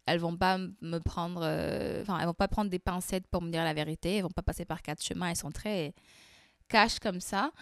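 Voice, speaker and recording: A young woman with a Portuguese accent, a content creator talking straight to her viewers in a casual advice monologue, animated and acting out little dialogues. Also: mid-range voice, no echo, studio quality.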